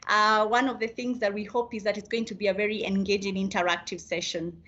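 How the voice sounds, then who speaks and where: A woman's voice: medium pitch, level tone, a little fast, fairly bright tone. A woman hosting a video meeting, polite and hesitant, with frequent fillers. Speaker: meeting host. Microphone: video call. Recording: slightly dull video-call audio.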